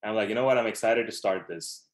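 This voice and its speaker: Telling his life story as a podcast guest, a man in his thirties from Dubai in the Middle East rambles loosely through a casual interview, using lots of fillers. He speaks at a quick pace in a voice on the low side.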